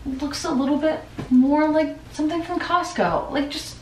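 An upbeat, chatty vlogger in her twenties talks casually from her bedroom, her high voice fairly even in intonation and normal in speed. Sitting back from the camera, she sounds slightly distant, with room echo and a faint hiss behind.

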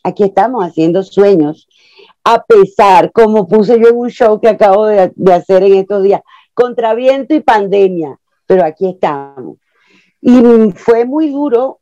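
A Venezuelan actress in her sixties joins a casual interview as a guest over a video call from a small room at home with a plain wall behind her. She's an expressive, animated storyteller with lots of hand gestures, and her medium-pitched voice has no room sound. Her earphone mic gives dull, lo-fi audio.

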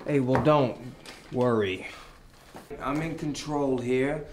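A man playing a hot-tempered drunk husband who slurs and blusters, then flares up into shouting. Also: medium pitch, slow pace, a little hiss or hum, lightly acted. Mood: defiant. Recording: echoey room, distant mic.

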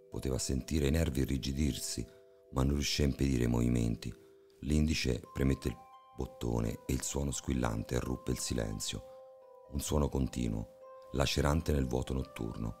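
A man narrating a horror story in a measured, somber way. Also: very deep voice, vocal fry, darkish tone. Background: faint music.

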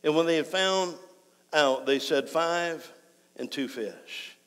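A man's voice: on the high side, slow. Guy preaching in church, gets fired up, lots of hall echo. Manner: emphatic, building to excited raised voice. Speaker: pastor. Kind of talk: sermon. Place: church sanctuary.

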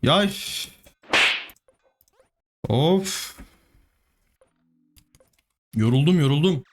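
A man giving live gameplay commentary, excitable, pleading with the game and cursing at it. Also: fairly high pitch, extremely slow, a little hiss or hum. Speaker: gaming YouTuber.

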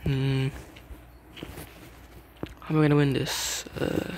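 Young male gamer, casual gameplay commentary, gravelly voice, repeats words in bursts, noisy home mic. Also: medium pitch, little pitch movement, darkish tone. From English-speaking country with its own slang. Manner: mutters and repeats words rapidly in tense moments, exclaims at teammates.

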